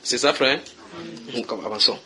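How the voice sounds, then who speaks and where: A man's voice: medium pitch, measured pace, noisy background. A man preaching at a house church, reading Bible verses and questioning his listeners in a conversational way.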